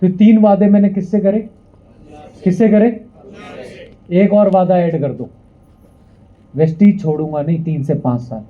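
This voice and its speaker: Young man, high voice, motivational speaker, rousing call-and-response, seminar crowd, tinny phone-like audio. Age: young adult. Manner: rousing, repeats lines for the crowd to echo. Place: event hall with a live audience.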